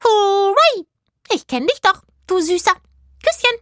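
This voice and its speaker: Brief: cheeky storybook parrot, shrill, piercing squeak, flirty and mocking. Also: female voice, big pitch swings, a little slow, a bit bright, no room sound, studio quality, exaggerated voice. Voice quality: shrill squawking. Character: cheeky chattering parrot in a crate. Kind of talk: audiobook narration.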